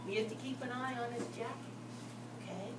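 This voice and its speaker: A woman reading a storybook aloud to a toddler in simple child-directed phrasing, pausing to ask questions. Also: on the high side. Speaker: storyteller reading a picture book to a young child. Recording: roomy, distant mic, loud background noise.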